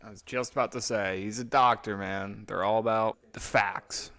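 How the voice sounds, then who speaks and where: A man giving casual, excitable commentary as he reacts to a movie, blurting out reactions and swearing. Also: lowish voice, moderate pace.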